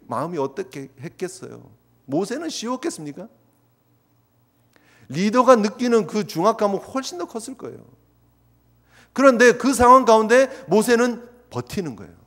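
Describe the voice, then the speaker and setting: Guy pastor giving an intense sermon, high voice, big echoey church. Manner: fervent, exhorting, voices prayers as asides. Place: church sanctuary. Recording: long reverb of a church hall.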